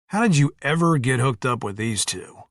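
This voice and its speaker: A man's voice: medium pitch, very animated, normal speed, dry recording, pitched above the performer's own voice. A man voicing a tough ex-soldier in an audiobook, blunt and teasing in a dry way. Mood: wry teasing. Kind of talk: audiobook character voice.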